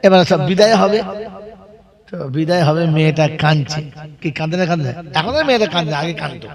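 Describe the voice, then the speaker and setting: A man with a West Bengal Bengali accent preaching a waz sermon, telling anecdotes and quizzing his audience. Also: on the high side. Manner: chanted sung opening, then storytelling that questions the crowd. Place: religious gathering with a crowd.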